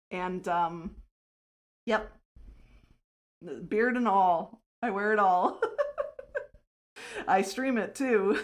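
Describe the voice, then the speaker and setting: A woman hosting her own livestream, chatting casually while she plays, laughing often and answering her chat. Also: on the low side. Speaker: livestreamer and server host.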